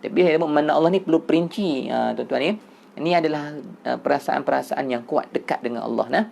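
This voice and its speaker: A man's voice: fairly high pitch, brisk, creaky, darkish tone, a little hiss or hum. A man with a Malaysian Malay accent gives a Sufi religious lecture. He explains patiently, repeats phrases for emphasis and keeps turning back to address his listeners. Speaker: religious teacher.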